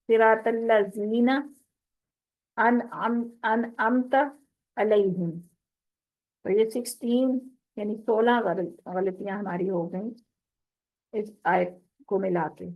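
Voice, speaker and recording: Woman, recitation teacher, patient explainer, stretches demonstrated words slowly, phone-thin sound. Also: medium pitch, fairly even intonation. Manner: slow, drawn-out demonstration of Arabic words. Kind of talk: tajweed lesson explaining recitation mistakes. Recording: tinny phone-like audio.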